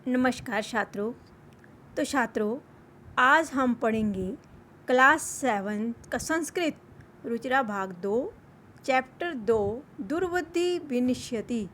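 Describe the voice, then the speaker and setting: A woman's voice: on the high side, expressive, slow pace, a bit bright, slight background noise. A woman teaching an online lesson, repeating each word for pronunciation and mixing English words into her explanations.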